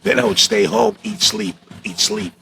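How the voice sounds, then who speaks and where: A man's voice: high voice, moderate pace, gravelly, bright, forceful tone. A middle-aged man with a New York accent, a comedian telling a profane, rambling story with stammers in a cafe interview. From Astoria, Queens, New York. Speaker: comedian guest.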